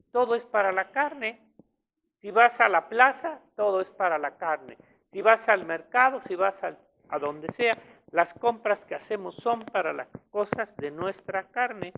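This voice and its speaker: A woman's voice: medium pitch, a bit bright. A woman preaching a sermon to her congregation, emphatic and often checking in with rhetorical tag questions. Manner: clears throat often.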